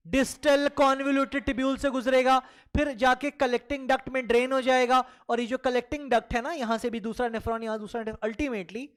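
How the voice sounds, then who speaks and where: Chatty teacher quizzing the class. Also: mid-range voice. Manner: asks rhetorical questions and answers them; mixes Hindi and English freely. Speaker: biology teacher. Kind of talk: classroom lecture.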